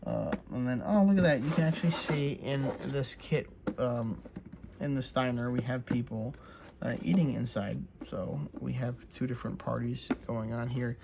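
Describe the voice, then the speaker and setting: A man of mid pitch talks through a craft kit unboxing in a relaxed, chatty way, filling pauses with plenty of "uh" and "um". A faint hiss of noise sits under his voice. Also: gravelly. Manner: relaxed, chatty, many fillers. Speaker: crafts channel host. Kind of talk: casual unboxing walkthrough.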